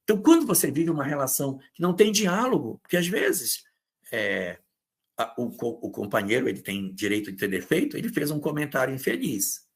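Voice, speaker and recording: A man leads an informal spiritist talk on relationships. His voice is gravelly and a bit husky, sitting at an ordinary pitch. He talks conversationally with hesitations and bursts into short impressions of controlling partners. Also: sing-song, fairly quick. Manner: acts out quoted abusive partners in brief bursts; conversational, with hesitations and reading out viewers' comments. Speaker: spiritist lecturer hosting a live talk.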